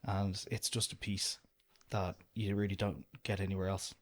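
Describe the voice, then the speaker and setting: Relaxed Irish man chatting casually. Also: low voice, normal speed. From Ireland. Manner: relaxed, rambling, lots of "do you know". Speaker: guest, outdoor business owner. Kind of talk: casual interview chat.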